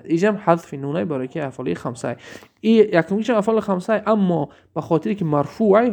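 A man with a Tajik Persian accent teaching an Arabic grammar lesson, explaining step by step, asking questions to check understanding and reading example sentences slowly. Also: on the high side, creaky, a little mellow.

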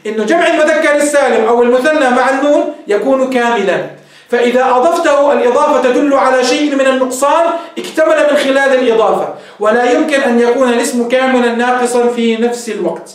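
High-voiced male lecturer in an echoey room. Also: fast talker. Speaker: teacher of Arabic grammar. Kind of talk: recorded lecture. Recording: echoey room, distant mic.

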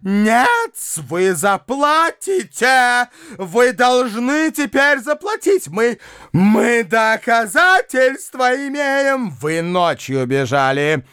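A man voicing a furious, shrill middle-aged gentlewoman in an audiobook, screeching a scolding tirade of accusations. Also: animated, a little fast, few pauses, no echo, studio quality, lightly acted. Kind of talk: audiobook character voice.

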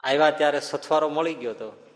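Animated male devotional storyteller. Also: on the high side, fairly quick, in a large hall. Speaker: religious storyteller. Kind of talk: devotional discourse.

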